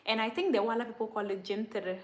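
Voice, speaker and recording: A woman, a Dagaare speaker, casually teaching vocabulary on a livestream, repeating words slowly and laughing at herself often. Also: on the high side, steady tone, darkish tone, reverberant, slight background noise. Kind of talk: casual spoken language lesson.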